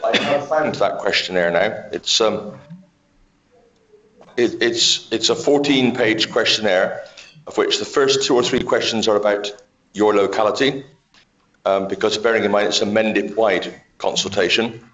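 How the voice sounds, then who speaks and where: Low-voiced guy explaining a document at a council meeting, lots of ums. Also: unhurried, a bit bright, lo-fi sound. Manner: hesitant, lots of fillers. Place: council chamber.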